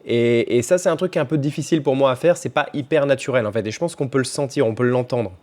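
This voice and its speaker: A man's voice: medium pitch, fast, a little mellow. A young French man talking casually to his camera in a home vlog, chatty, with restarts and fillers. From France. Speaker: vlogger and language teacher.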